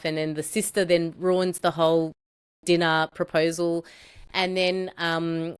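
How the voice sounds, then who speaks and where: Low-voiced woman from El Salvador, storytelling. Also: smooth. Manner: animated, acts out quoted dialogue with rising pitch. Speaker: guest. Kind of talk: candid personal storytelling.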